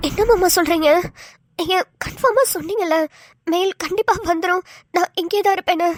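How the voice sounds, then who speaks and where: Woman doing a squeaky fast anxious young wife, pleading, dry mic. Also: background noise. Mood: worried. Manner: pleading, fretful. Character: worried young wife, clingy and tearful.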